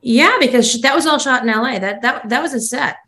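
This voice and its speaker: A woman's voice: high voice, fast, bright, forceful tone, a little hiss or hum. Chatty woman co-hosting a rewatch podcast. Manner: chatty, self-deprecating storytelling. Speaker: podcast co-host, former actress. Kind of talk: casual rewatch podcast chat.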